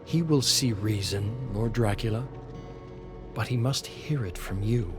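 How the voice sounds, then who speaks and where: Male actor as sly Death figure, deferential, formal, measured, coaxing game villain's aide, music underneath. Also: lowish voice, lightly acted. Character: Death, deferential, sly, counselling servant of a vampire lord. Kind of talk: dramatic game story acting. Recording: music behind the voice.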